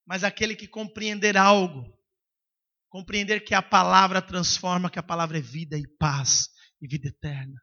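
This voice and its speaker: A man preaching a sermon as pastor, emphatic and at times breaking into shouts. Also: sits high, steady tone, moderate pace, dull audio.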